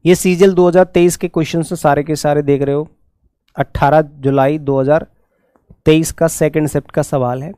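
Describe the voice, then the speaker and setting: A man with a Hindi accent runs a brisk exam-prep English lesson, urging students to answer quickly. His voice sits high and sounds smooth and clear. It is recorded dry and close, with no room sound. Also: steady tone, dark tone, no echo. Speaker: English teacher.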